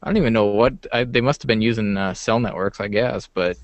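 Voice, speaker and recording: A man's voice: on the low side, fast talker, no room sound, highs cut off. Laid-back man, dry sound. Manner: laid-back, laughs often. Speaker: podcast co-host. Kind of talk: casual chat.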